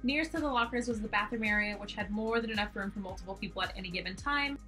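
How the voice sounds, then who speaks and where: A young woman narrating a travel vlog in a clear, upbeat, informative way. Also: mid-range voice, fast, pushed and bright, soft background music. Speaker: travel vlogger.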